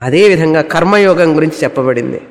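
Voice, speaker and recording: A man's voice: a little high, expressive, fast talker. A man teaching a spiritual discourse on scripture, asking rhetorical questions and repeating phrases. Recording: long hall reverb.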